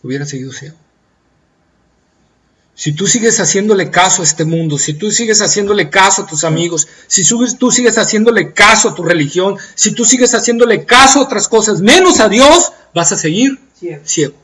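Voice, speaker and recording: A high-voiced man preaches with a Latin American Spanish accent. He acts out pleading believers, his voice leaping to loud cries and then dropping to near hushed softness. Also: lively intonation, fairly quick, low-quality recording. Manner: impassioned, swinging from loud pleading cries to soft hushed tones. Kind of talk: sermon.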